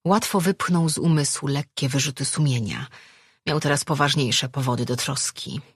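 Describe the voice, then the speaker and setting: A narrator reading a fantasy novel aloud in a steady storytelling manner. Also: medium pitch, normal speed, husky, no echo, studio quality. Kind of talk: audiobook narration.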